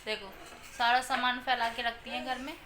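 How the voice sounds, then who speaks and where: A woman's voice: fairly high pitch, level tone, normal speed, sharp tone. Chatty woman vlogging at home, noisy. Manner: chatty, playful with her children. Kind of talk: casual chat to viewers.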